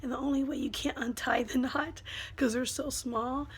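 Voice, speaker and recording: A woman chats casually to her viewers in a fairly high voice that is giving out from a cold. It keeps thinning into breathy, voiceless whispering. The home recording has plainly audible noise. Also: steady tone, normal speed. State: lost voice from a cold. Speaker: vlogger. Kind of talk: casual vlog talk to viewers.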